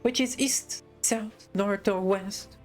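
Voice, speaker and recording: A storybook reader voicing a timid, frightened small hobbit burglar with high, squeaky, anxious cries. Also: slow, soft background music, close to an everyday voice.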